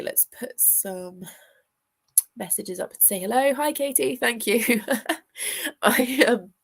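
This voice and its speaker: Greeting viewers on her live stream, a young teacher who runs booktube reading sprints chats in a rambling way with plenty of fillers. Her mid-range voice carries vocal fry and sounds congested and sniffly because of a chest infection.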